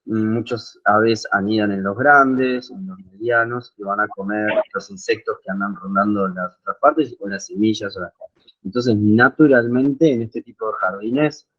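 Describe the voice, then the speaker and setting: A fairly low-voiced man answers questions on a video call and keeps pausing to search for his words. The audio sounds dull and muffled. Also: a bit bright. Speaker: guest landscape designer. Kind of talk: online Q&A answer.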